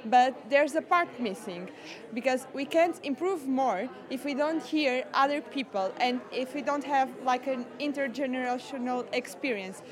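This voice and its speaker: A young woman from Portugal, a scout, answering interview questions in a halting way, searching for words. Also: high-pitched. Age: young adult. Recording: crowd chatter behind.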